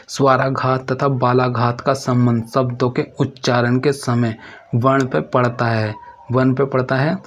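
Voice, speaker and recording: A man talks through a grammar lesson for exam students, reading from his notes and repeating each phrase before he moves on. His delivery is unhurried and nearly flat in pitch. The recording sounds dull and lo-fi. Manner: slow and repetitive, restating each phrase. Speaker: teacher.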